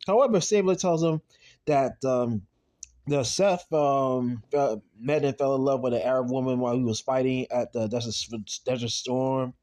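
A man casually recapping a TV episode on his podcast, rambling with lots of "I mean" and "though", and talking quietly about his late father. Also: mid-range voice, moderate pace.

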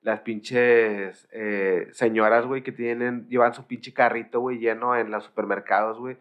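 A man's voice: mid-range voice, fairly even intonation, normal speed, muffled recording. A man with a Mexican Spanish accent, co-hosting a podcast in crude casual banter, laughing and swearing as he tells stories. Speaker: podcast co-host.

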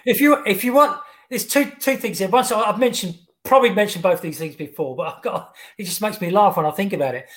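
A man's voice: high-pitched, a little fast, few pauses, a bit bright. A man from England chatting casually on a podcast, a jokey storyteller who laughs often and restarts his sentences.

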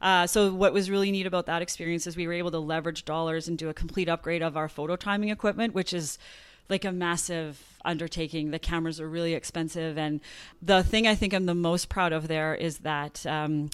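As a guest in a conversational interview, a woman from Canada in her thirties speaks fairly quickly in a smooth, steady, low-leaning voice. She's animated, laughing frequently and using lots of fillers, with no echo in the recording.

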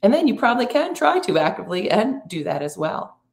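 A middle-aged woman hosting an inspirational talk, speaking in slow, drawn-out, reflective phrases and inviting the listener to breathe. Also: medium pitch, very animated, creaky, reverberant. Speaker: podcast host and spiritual coach.

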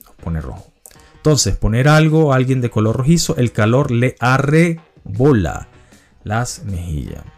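A man's voice: mid-range voice, darkish tone. A man hosting a vocabulary quiz, patiently explaining and repeating each answer and its definition. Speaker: quiz host and organizer.

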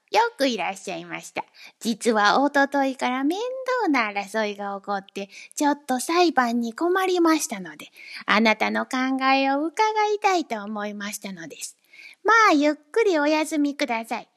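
A woman's voice: a little high, expressive, moderate pace. A woman voicing a self-important wildcat judge who speaks with stiff, formal politeness. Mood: pompous polite. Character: pompous wildcat judge in a yellow coat.

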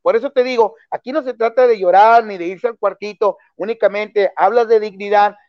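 A man argues football on a podcast in a fairly high voice, pressing the same question again and again and cutting the others off. The sound is dry and a little dull, as if the mic sits close in a small, muffled room. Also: fairly even intonation, a little fast, no echo. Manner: insistent, repeats questions, interrupts. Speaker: sports talk show co-host. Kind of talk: heated casual debate.

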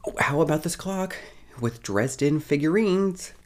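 A man's voice: on the high side, expressive, measured pace, slight background noise, voice pushed up. A man doing a fussy, flustered shopkeeper. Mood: eager. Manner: flustered, apologetic. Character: fussy small-town male shopkeeper.

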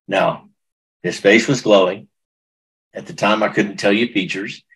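A man's voice: lowish voice, steady tone, measured pace, creaky, a bit bright, husky, low-quality recording. A middle-aged man recounting a personal testimony in an interview, earnest and emotional, often restarting his sentences. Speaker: guest.

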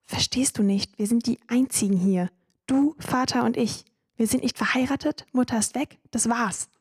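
A woman's voice: on the high side, fairly quick, warm tone, no room sound, clean studio sound, close to an everyday voice. A woman voicing a blunt, bitter young sister. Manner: blunt, sarcastic, hissing. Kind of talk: audio story reading.

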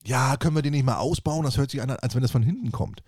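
A man's voice: mid-range voice, fast talker, darkish tone, no room sound. A man co-hosting a casual podcast, telling rambling anecdotes from his service job and acting out both sides of the dialogue. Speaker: podcast co-host, appliance service technician. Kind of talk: casual chat, storytelling.

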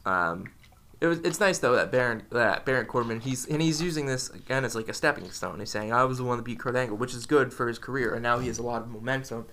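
A young man with a bright, ringing voice chats casually as a podcast co-host. He rambles enthusiastically from point to point, his pitch sitting right in the middle of the male range. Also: quick pace. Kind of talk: casual chat.

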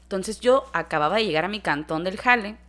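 A woman's voice: mid-range voice, brisk. A young woman with a Mexican Spanish accent chatting casually with a friend, cursing and laughing. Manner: profane, laughing, animated. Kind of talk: casual chat, storytelling.

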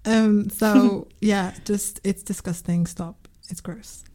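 A woman's voice: medium pitch, steady tone, takes it slowly, mellow. Slangy woman ranting on a podcast. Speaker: podcast co-host. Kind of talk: casual podcast chat.

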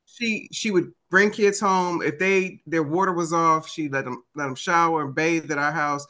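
A woman's voice: low-pitched, moderate pace, pushed and bright. A woman in her fifties with a Washington DC accent, telling personal stories conversationally as an interview guest and voicing remembered dialogue. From United States, Washington DC area. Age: 50s. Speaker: interview guest, author and motivational speaker. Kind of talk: animated conversational storytelling.

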